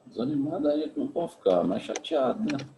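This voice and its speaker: A man with a Brazilian Portuguese accent, a physics teacher giving a remote class in a relaxed, chatty way, full of tag questions. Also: mid-range voice, fast, reverberant, a little hiss or hum, low-quality recording. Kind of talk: remote class, casual chat.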